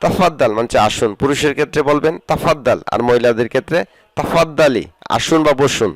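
A Bengali-speaking man teaching spoken Arabic, saying each phrase, repeating it slowly and translating it. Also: medium pitch, slight background noise. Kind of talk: spoken vocabulary lesson.

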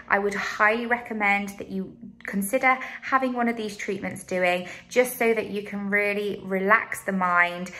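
A woman in her thirties talks straight into a phone camera held close, in a small room. Her voice is bright and forward, and she sounds eager and gushing as she sells salon treatments. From England. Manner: upbeat, gushing sales pitch. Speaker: beauty salon owner. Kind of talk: promotional talk to camera. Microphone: phone camera at arm's length.

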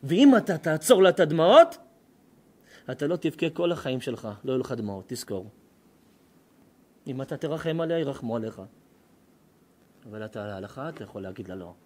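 A man's voice: mid-range voice, big pitch swings, pauses often, darkish tone, voice pushed down. A man playing an elderly rabbi who admonishes his student firmly but with compassion. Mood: admonishing.

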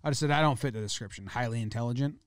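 A man's voice: mid-range voice, rapid-fire, clear, resonant tone, no echo, studio quality. A man co-hosting a comedy history podcast, chatting jokily and reading notes aloud. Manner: jokey, self-deprecating, reads notes aloud. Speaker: podcast co-host.

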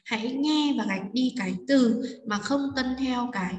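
A woman English teacher explaining a lesson in Vietnamese, reading the English examples slowly and carefully. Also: sits high, a little mellow. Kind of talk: classroom lesson narration. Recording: echoey roomy, distant from mic.

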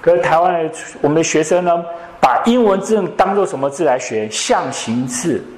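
A man's voice: on the high side, expressive, a little mellow. Echoey male teacher drilling a class. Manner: drills students with quick questions. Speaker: English teacher. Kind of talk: classroom lecture.

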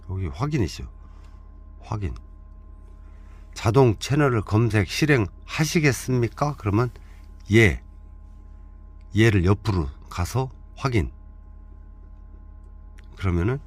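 Male dealer, low lively voice, jokey and chatty, explaining features inside a camper van. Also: slow, pauses often. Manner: joking, chatty, walks through steps aloud. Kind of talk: casual hands-on product walkthrough.

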